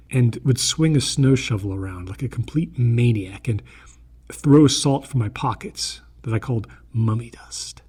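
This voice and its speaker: In a deliberate, earnest delivery, a man reads a scripted horror story told in the first person. His voice sits at medium pitch, with a darkish tone and a touch of huskiness.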